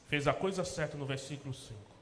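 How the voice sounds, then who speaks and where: A male pastor with a Brazilian Portuguese accent delivers a sermon, swinging between loud, emphatic peaks and soft, low asides. His voice rings through a large church hall with a long, roomy reverb. A faint hum of ambience sits underneath. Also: lively intonation, fast. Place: church sanctuary.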